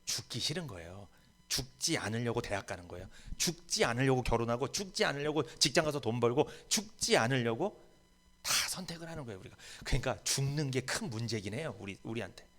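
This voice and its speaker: A man's voice: medium pitch, expressive, brisk, fairly bright tone. A man preaching a sermon as pastor, emphatic and rising to bold proclamations in a church. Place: church sanctuary.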